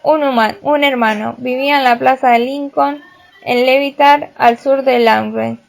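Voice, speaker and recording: An earnest, obsessive teenage boy genius in an audiobook, as a woman reads him, listing details precisely. The voice sits fairly high with a gravelly edge. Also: steady tone, a little slow. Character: nerdy anxious teenage boy prodigy.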